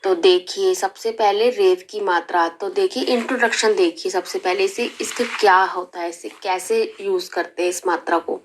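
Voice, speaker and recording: A woman teaching young children in a slow, careful lesson style, stretching out syllables and often checking in with the class. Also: mid-range voice, fairly even intonation, a little hiss or hum. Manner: drawn-out syllables, frequent rising "theek hai" checks. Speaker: primary school teacher.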